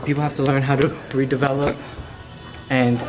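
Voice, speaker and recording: A young man talking casually and bluntly to a handheld camera in a gym, swearing and boasting, with loud music playing behind him. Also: mid-range voice, level tone, brisk, poor audio. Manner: brash, swearing, joking bravado. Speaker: fitness vlogger. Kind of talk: casual gym vlog chat. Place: commercial gym, indoors. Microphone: handheld camera mic.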